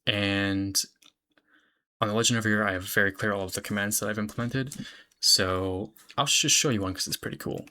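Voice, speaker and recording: A young man casually walking through a software demo of his own project, explaining in a relaxed, chatty way with fillers and self-corrections. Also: on the low side.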